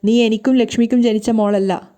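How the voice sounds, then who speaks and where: A woman voicing a sorrowful middle-aged father who talks slowly, solemnly and carefully. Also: on the high side, steady tone, dark tone, natural voice.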